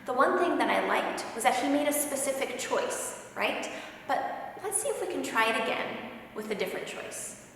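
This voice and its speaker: A woman directing auditions, briskly interrupting and giving notes. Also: high-pitched, very animated, gravelly, fairly bright tone, a little hiss or hum. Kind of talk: instructional talk. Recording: echoey hall from far off.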